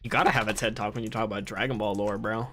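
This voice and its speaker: Young man, podcast host, bright clear voice, casual rant, lots of swearing. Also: on the low side, fast. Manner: ranting, swears freely, animated. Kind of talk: casual gaming podcast chat.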